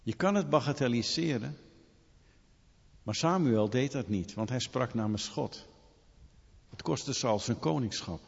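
A man preaching a sermon in an animated storytelling manner, full of rhetorical questions. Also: medium pitch, unhurried, vocal fry, pauses often, slightly rough. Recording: long hall reverb, dull lo-fi sound.

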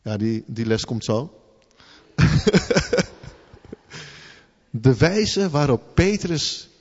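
Husky and a bit mellow in the mid-range, a male preacher delivers an informal sermon, thinking aloud with repeated words, rhetorical questions, and "hè" tags. Long hall reverb and slightly dull audio surround him.

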